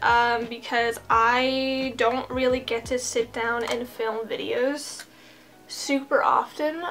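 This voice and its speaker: A young woman, a streamer and vlogger, does her makeup at home while chatting into a desk microphone in a casual get-ready-with-me session. Her voice is high and a bit bright, and she rambles and pokes fun at herself.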